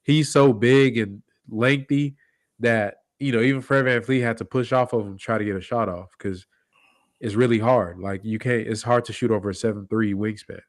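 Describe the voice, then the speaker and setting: A man speaks with a stuffy, nasal voice, clearly sick with a cold, sitting a bit low in pitch. He talks through a basketball game in a relaxed, slangy way, pausing on fillers as he thinks. The recording is dry, with no room echo. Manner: laid-back, slangy, thinks out loud with fillers. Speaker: co-host of a basketball podcast. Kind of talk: casual post-game chat.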